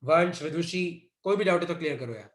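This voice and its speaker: A man's voice: fairly high pitch, fast talker, reverberant. A man teaching a physics class online in Hindi mixed with English terms, repeatedly telling students to copy notes. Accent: Indian. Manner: repeats dictation cues, mixes Hindi and English.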